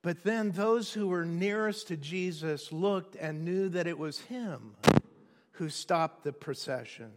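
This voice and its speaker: A man, preaching a sermon as pastor in a conversational, animated way with quick asides. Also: a little high, very noisy. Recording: long hall reverb.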